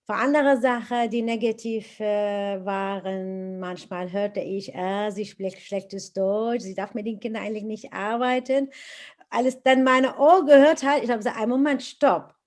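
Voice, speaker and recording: A middle-aged Iraqi woman tells her own story in German during an interview, her mid-range voice unhurried. She comes across as earnest and animated, though she hesitates often.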